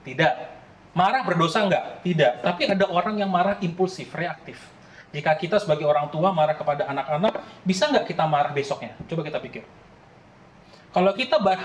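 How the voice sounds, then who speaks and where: A man in his late thirties preaches a sermon, earnest and conversational, often turning to the congregation. His voice sits a little high for a man. It echoes through a roomy church hall over a faint background ambience. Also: a little hiss or hum. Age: late 30s. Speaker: pastor.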